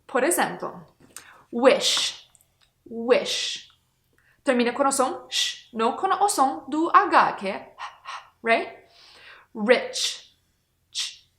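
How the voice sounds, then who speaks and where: Female pronunciation teacher, high voice, casual lesson tone, echoey room. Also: big pitch swings, vocal fry, a bit bright. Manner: light laughing, slow modelled example words.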